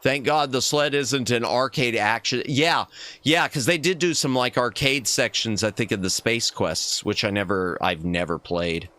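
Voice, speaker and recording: A man hosting a casual game livestream, chatting in an expressive, exclamatory way. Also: mid-range voice, moderate pace. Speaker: livestream host.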